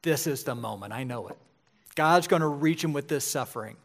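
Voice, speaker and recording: This man is a pastor in his forties with a mid-range voice, and he speaks a little fast. His sermon feels like conversation, peppered with "right?" check-ins.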